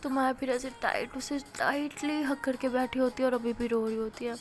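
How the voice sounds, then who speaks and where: Woman storyteller, casual narration, high and flat. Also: normal speed. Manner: plain running narration with frequent "to".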